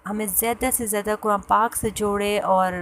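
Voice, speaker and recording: A woman tells a personal story in a casual, hesitant way, pausing often with fillers and restarts. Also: mid-range voice, flat delivery, a bit bright, slight background noise. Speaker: vlogger sharing a personal story.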